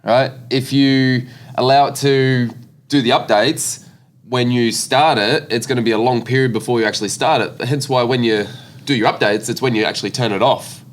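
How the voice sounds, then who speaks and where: A man's voice: mid-range voice, fairly even intonation, moderate pace. A man co-hosting a podcast, explaining things in casual chat and checking that the listener follows. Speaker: podcast co-host.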